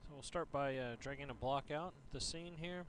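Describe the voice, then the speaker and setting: A man narrating a software screen tutorial, haltingly dictating each step and typed entry piece by piece. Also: medium pitch. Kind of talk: instructional screen-recording narration. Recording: clear background hum and noise.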